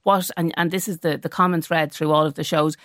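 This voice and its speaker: A woman's voice: low-pitched, fairly even intonation, brisk, a bit bright, no room sound, studio quality. A woman giving considered views as a guest in a radio discussion. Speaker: panel guest.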